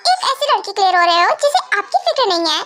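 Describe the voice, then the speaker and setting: A woman's voice: very high voice, sing-song, fast, noisy background. A woman voicing a stubborn young woman who coldly pushes her lover away, in an amateur fan drama. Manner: fan dub acting, dismissive and curt. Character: stubborn young woman Kooki, cold and defiant.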